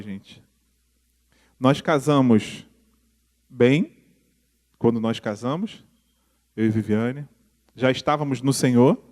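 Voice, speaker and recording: A middle-aged man preaching with a Brazilian Portuguese accent, his voice of middling pitch jumping up high when he stresses a point. He keeps asking the congregation questions. The sound carries a long reverb from a big church hall. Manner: animated, pitch jumping up on emphasis, asks audience questions. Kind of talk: sermon.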